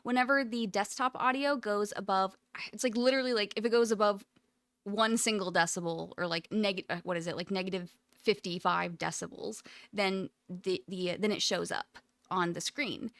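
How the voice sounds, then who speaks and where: A woman's voice: medium pitch, steady tone, moderate pace, no room sound. A woman livestreamer chatting casually with her viewers in an informal, affectionate, rambling way, often giggly. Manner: giggly, frequently breaking into loud laughter. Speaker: live streamer. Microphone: close USB microphone.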